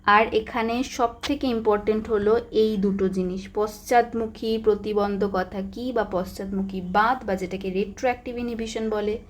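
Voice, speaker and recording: Woman, young adult teacher, exam revision lesson, emphatic and repetitive, mid-pitched voice. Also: steady tone, moderate pace. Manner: emphatic, repeats key points, mixes English terms. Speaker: psychology teacher.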